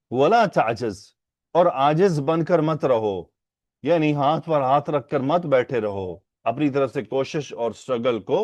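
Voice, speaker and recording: A man teaching a religious text in an unhurried lecture style, repeating phrases, breaking down their grammar and asking his listeners rhetorical questions. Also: mid-range voice, no echo. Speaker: hadith teacher. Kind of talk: Urdu lesson on Arabic hadith grammar.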